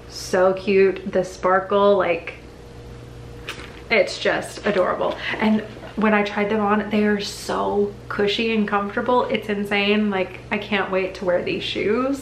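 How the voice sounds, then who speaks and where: A young woman vlogging as a mom, chatting enthusiastically about her haul, full of "like" and excitement. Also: mid-range voice. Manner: bubbly, enthusiastic, chatty with many likes. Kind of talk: casual haul chat to camera. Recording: echoey room with faint background hum.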